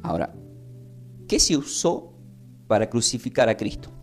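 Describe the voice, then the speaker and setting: His medium-pitched voice has a sing-song quality at normal speed, with faint music behind. The man, from Tucumán with an Argentine Spanish accent, teaches a Bible class in call and response, prompting listeners to repeat after him with emphatic rises.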